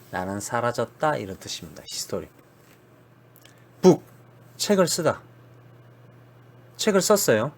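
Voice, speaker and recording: A man from South Korea talks through English vocabulary in a relaxed, chatty way. His pitch swings widely as he explains, and he stretches words out slowly to show how they sound. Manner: drawn-out demonstrations of English words, chatty and blunt. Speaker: English teacher. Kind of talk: casual spoken English lesson.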